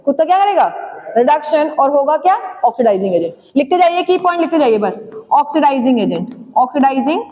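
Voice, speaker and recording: In a classroom lecture, a woman with a high, sing-song voice and dark tone quizzes her chemistry students, then answers her own questions. She dictates key points, telling everyone to write quickly and spelling out important terms slowly. A long hall reverb surrounds her voice.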